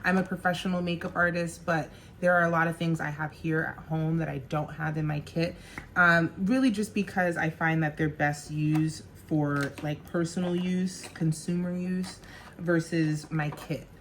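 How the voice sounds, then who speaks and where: A woman's voice: sits low, fairly even intonation, normal speed, fairly bright tone, slight background noise. A woman in her thirties from New Jersey, chatting casually and laughing often while doing her makeup at home. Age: 30s. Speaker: makeup artist and vlogger. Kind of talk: casual get-ready-with-me chat.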